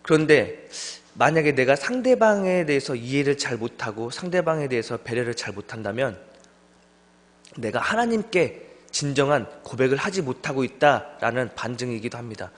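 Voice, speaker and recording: A young man preaching a sermon as a junior pastor, telling stories with lively delivery and acting out the voices of friends. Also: medium pitch, normal speed. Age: young adult. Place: church sanctuary. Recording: long church hall reverb.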